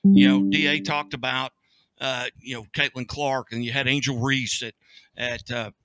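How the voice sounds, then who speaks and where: A man's voice: medium pitch, little pitch movement, normal speed, fairly bright tone, a little hiss or hum, low-quality recording. A man co-hosting a casual sports talk show, enthusiastic and rambling with frequent restarts. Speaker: co-host. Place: cafe studio.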